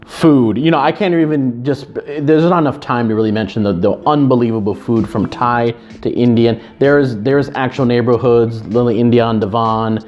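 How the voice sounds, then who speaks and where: Talking casually to camera, this Chicago man, a real estate agent, has a medium-pitched, slightly mellow voice at a normal pace with few pauses. His earnest delivery is full of restarts and repeated words, captured in slightly dull lo-fi audio over faint music.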